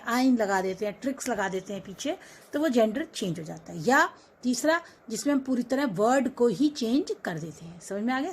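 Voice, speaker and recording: A woman's voice: on the high side, darkish tone, low-quality recording. A woman teaching an English grammar lesson, explaining in Hindi mixed with English and checking understanding with questions.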